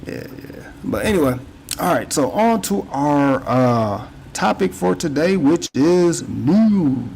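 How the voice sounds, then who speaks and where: A man's voice: a little high, big pitch swings, slow, creaky, a little mellow, slight background noise, rough recording. A man hosting a casual podcast chat, rambling and repeating himself, yawning and a little tired. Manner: rambling, repeats words, frequent "you know what I'm saying". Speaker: podcast host.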